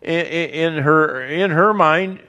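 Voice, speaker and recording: A man preaching a sermon, earnest, building emphasis through repetition and dropping softly on key words. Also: fairly high pitch, slow, muffled recording.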